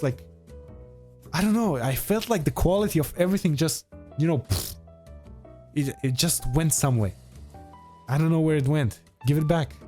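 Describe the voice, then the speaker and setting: Responding to his livestream audience, a twenty-something man with a Croatian accent talks in a relaxed, opinionated way. His voice sits a bit high and sounds slightly mellow, and background music runs under it.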